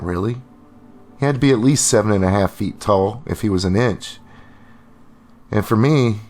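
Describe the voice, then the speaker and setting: A man narrating a first-person novel in a wry, conversational manner. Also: lowish voice. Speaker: storyteller.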